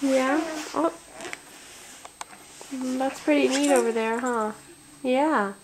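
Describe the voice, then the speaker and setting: A woman talking softly to her baby as a parent, in slow, cooing, encouraging baby talk. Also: high voice, background noise.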